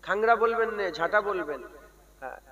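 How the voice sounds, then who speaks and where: A man preaching a sermon, who climbs from calm talk into loud, sung chanting. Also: high-pitched, normal speed, dull audio.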